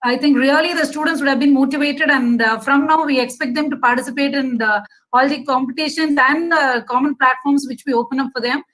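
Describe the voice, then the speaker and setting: A woman's voice: sits high, a little fast, a bit bright, low-quality recording. A woman teacher giving polite, appreciative feedback on a webinar video call, with frequent hesitations. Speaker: faculty member.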